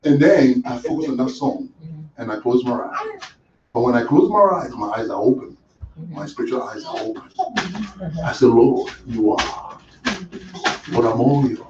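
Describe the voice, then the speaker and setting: Animated man teaching a church class. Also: medium pitch, moderate pace, pauses often, noisy background. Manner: animated, asks "You understand?" often. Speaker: ministry trainer. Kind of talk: conversational teaching sermon. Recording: echoey room, far mic, dull, crowd. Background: listeners murmuring agreement.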